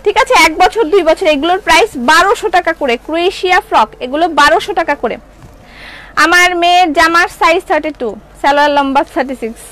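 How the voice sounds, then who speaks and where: Chatting with viewers and answering their comments, this middle-aged online seller with a Bangladeshi Bengali accent promotes clothes during a live-stream sale. She speaks quickly in a very high, fairly bright voice over poor audio.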